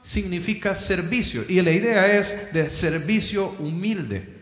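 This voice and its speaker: A man's voice: high voice, measured pace, fairly bright tone. A man preaching a sermon as pastor, often asking rhetorical questions and addressing the congregation as brothers. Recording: echoey hall with long reverb.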